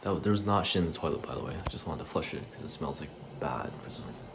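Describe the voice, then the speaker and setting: Speaking quickly in an animated bass with vocal fry, this young man vents in a vlog, cursing, rambling, backtracking, and at times lowering to a whisper. The small bathroom gives an echoey sound, with faint ambience and background noise.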